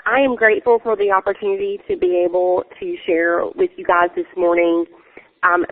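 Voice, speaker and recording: A woman with a Southern accent presenting a webinar, sounding nasal from a sore throat, earnest with many fillers. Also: fairly low pitch. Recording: phone-like webinar audio.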